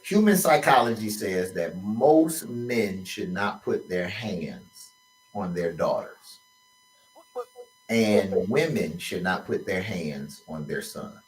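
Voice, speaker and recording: A man hosting a talk show, explaining his views in a slow, measured, lecturing way. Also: sits low, sing-song, recorded from a distance, rough recording. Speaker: host. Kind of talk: conversational commentary.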